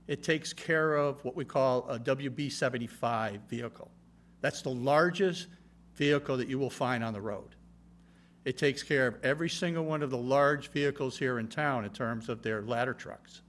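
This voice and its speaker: A man's voice: mid-range voice, moderate pace, fairly bright tone. A man answering as an engineer at a public meeting, explaining in a matter-of-fact way. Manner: matter-of-fact, checking with "okay?". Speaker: project engineer. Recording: noticeable background hum and noise.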